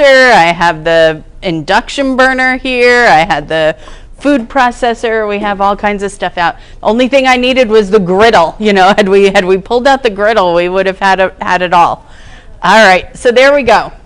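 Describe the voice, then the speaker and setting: Female cooking teacher, middle pitch, clean resonant tone, relaxed and talkative. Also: moderate pace, smooth. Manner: chatty, explains each step while working. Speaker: cooking class instructor. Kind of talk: casual cooking demonstration. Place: kitchen classroom.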